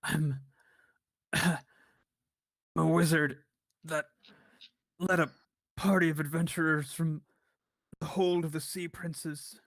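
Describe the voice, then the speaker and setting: A frail, starving wizard prisoner talks in a weak, raspy voice, as a man puts him on. His speech comes out halting and broken, with a gravelly edge. The sound is dry and close. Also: on the high side, steady tone, a bit bright, dry recording. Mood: weary.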